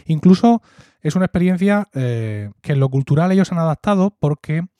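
With a Murcian accent, a podcast co-host from Murcia, Spain, recalls things fondly and reflectively in easygoing conversation, dropping a questioning "¿no?" into many lines. His voice is a little high, expressive and warm, at a moderate pace. Studio quality with no room sound.

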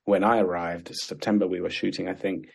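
A man's voice: low-pitched, flat delivery, fairly quick, creaky, breathy edge. An older man from Sudan, reminiscing in a casual chat with many restarts and frequent laughter. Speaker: actor and guest.

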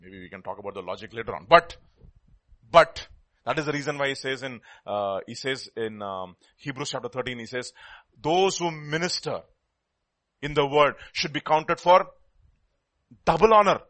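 A man's voice: mid-range voice, normal speed, a bit bright. A man with a South Indian Telugu accent preaching a sermon in a teacherly way, repeating key words for emphasis and putting questions to his listeners.

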